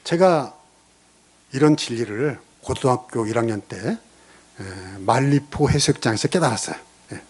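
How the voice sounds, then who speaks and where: A man's voice: medium pitch, normal speed, slightly rough. A middle-aged male pastor preaching a sermon, telling stories and putting questions to his congregation. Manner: animated, storytelling, rhetorical questions to the congregation.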